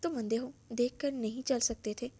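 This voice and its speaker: A woman voicing an arrogant young rich man who shouts threats in anger, reading a story aloud. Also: fairly even intonation, slightly rough. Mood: furious. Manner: shouting threats, rising pitch on insults.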